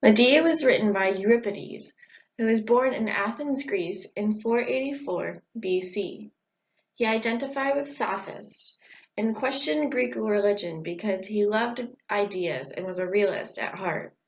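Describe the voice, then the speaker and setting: A young woman reads a school report aloud in a plain manner, her medium-pitched, gravelly voice keeping a measured pace. The audio is dull and lo-fi.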